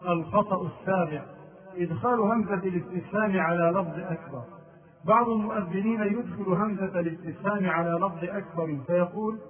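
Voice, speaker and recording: High-voiced man teaching call-to-prayer mistakes. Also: fairly quick. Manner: demonstrates prayer-call phrases by chanting them. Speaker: religious teacher. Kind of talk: religious lesson on the call to prayer. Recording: tinny phone-like distant sound.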